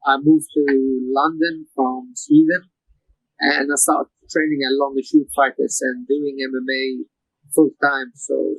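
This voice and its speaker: A young man from Iraq, an MMA fighter, answering interview questions over a call in a relaxed, plain way with frequent "you know". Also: medium pitch, a little slow, vocal fry, slightly rough, dry recording, low-quality recording.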